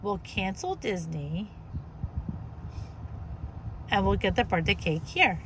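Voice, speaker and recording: A woman's voice: medium pitch, animated, slow pace, noisy background. A woman playfully teasing her child in a casual family vlog, talking in a sing-song, joking way. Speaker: mother vlogging with her child.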